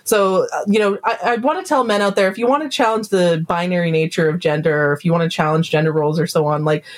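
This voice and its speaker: A woman's voice: lowish voice, fast. A woman talking casually and forthrightly, stating her views plainly. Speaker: podcast co-host. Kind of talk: casual opinionated chat.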